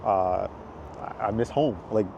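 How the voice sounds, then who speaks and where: With a lowish, gravelly voice and an unhurried pace, an American man rambles through a casual vlog while walking a city park walkway, using plenty of fillers. The lo-fi recording carries background noise.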